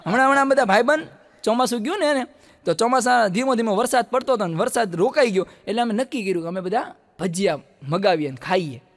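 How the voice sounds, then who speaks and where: Kathiyawadi guy doing standup, acts out all the folks in his jokes, pretty high voice, echoey hall. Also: fast talker. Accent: Kathiyawadi Gujarati. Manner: lively storyteller who acts out the people in his jokes. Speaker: stand-up comedian.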